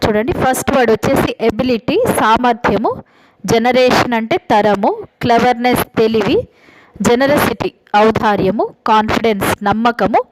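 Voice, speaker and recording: Woman, Telugu accent, English teacher, vocabulary lesson, somewhat high voice, brisk chatty explaining. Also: very noisy. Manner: quick, chatty explaining, then steady list reading. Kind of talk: vocabulary lesson, reading word lists.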